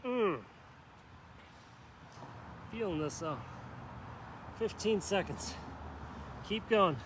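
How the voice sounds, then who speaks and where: Though animated, this man speaks extremely slowly in a high voice, and the background is noisy. He's a fitness instructor in an outdoor park, leading a live workout with upbeat encouragement while doing the moves and poking fun at his own slip-ups.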